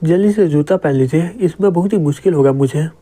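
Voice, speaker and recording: A man's voice: a little high, fairly quick, mellow, close to an everyday voice. A man voicing a blunt young rich driver. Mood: firm. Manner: blunt, firm.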